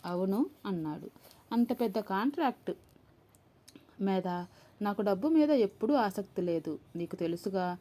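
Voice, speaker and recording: A woman's voice: medium pitch, animated, normal speed, long pauses, warm tone. A woman narrating a story and reading every character's lines in her own voice. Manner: reads all characters' dialogue in her own voice.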